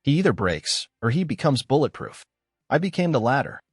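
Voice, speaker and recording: Husky-voiced man narrating a calm story. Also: medium pitch, a little fast, dry recording, clean studio sound. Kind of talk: scripted first-person narration.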